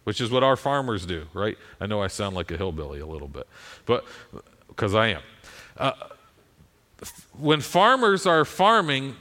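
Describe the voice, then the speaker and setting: A man's voice: medium pitch, bright, forceful tone. An American man giving a conversational sermon in a folksy, self-deprecating manner, often checking in with his listeners. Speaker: preacher.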